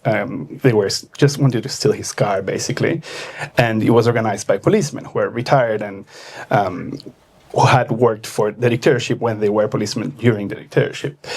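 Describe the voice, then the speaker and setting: Hesitant Argentine-raised author. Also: male voice, medium pitch, darkish tone. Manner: hesitant, thoughtful, many fillers. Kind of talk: book launch conversation.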